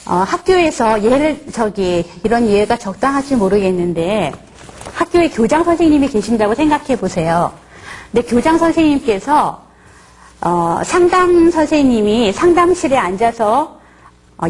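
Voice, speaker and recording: A woman's voice: fairly high pitch, darkish tone, a little hiss or hum. A woman professor giving a counseling course lecture, asking her audience questions and acting out short dialogues. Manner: asks the audience rhetorical questions; acts out short workplace dialogues.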